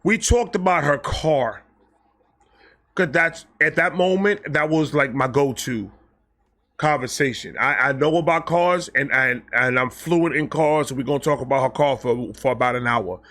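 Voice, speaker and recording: A man hosting a storytime vlog, telling a personal story in a casual, animated and profane way, often restarting and repeating himself. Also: mid-range voice, normal speed. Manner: animated, profane and self-mocking, with frequent restarts and repeated phrases.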